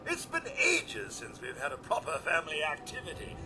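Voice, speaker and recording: A man's voice: on the high side, wildly swooping pitch, normal speed, background noise. An actor voicing a polite, fussy male robot butler in a video game, formal and courteous and always calling the listener sir. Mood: distressed. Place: game soundtrack with music behind.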